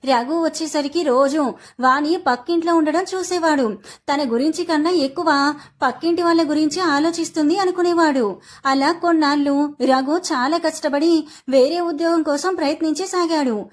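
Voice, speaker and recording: A woman narrating a family drama story in a plain, steady storytelling way. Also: high-pitched, normal speed. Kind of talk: scripted narration.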